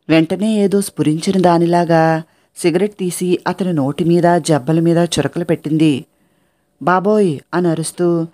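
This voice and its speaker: Storyteller, warm dark tone, steady reading of a short story, dialogue folded into the narration. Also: mid-range voice.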